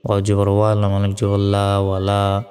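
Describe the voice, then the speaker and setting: A man teaching recitation, spelling out each letter and vowel mark, then chanting the verse slowly. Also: fairly low pitch, monotone, clear, resonant tone. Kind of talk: slow spelling-out lesson with recitation. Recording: reverberant room with soft music.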